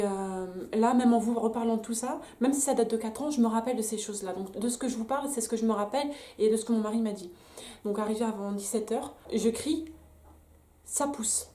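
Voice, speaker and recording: A young woman vlogger with a mellow, slightly high voice tells a personal story directly to the camera, candid and emphatic, with many restarts. It's a story time vlog recorded in an echoey room.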